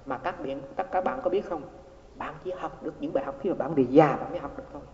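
This is a slightly high, gravelly male voice with a dark tone and a quick pace. During a dharma talk, the Buddhist monk narrates a story, acting out its quoted exchanges and repeating words. The recording, made in an echoing hall, is muffled and lo-fi.

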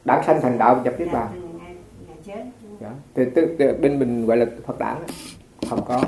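A Buddhist monk gives an informal dharma talk to a congregation, telling stories chattily with frequent restarts and light laughter. His mid-range voice is creaky and mellow at a moderate pace, in an echoey room.

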